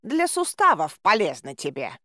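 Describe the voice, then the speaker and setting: A lazy, self-satisfied fat tomcat from a fairy-tale audiobook, as a woman puts him on, stretching his words slowly and smugly. His voice sits at a middling pitch and sounds dry and close, with no room around it. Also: huge pitch swings, sharp tone, dry recording. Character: smug, lazy, fat male talking cat.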